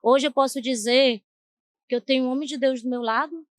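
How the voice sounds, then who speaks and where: A woman's voice: high-pitched, fairly even intonation, fairly quick, no room sound. A woman giving an earnest church testimony, often turning to address the pastor. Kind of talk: emotional personal testimony.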